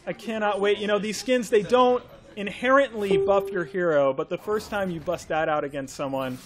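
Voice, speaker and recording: A man's voice: sits high, normal speed. A man hosting a game livestream, enthusiastically presenting new skins and laughing often. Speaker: livestream host. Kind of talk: excited game update showcase.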